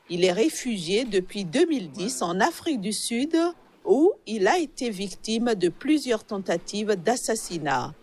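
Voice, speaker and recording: A woman reading a news report with a measured, formal delivery. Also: mid-range voice. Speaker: news reader.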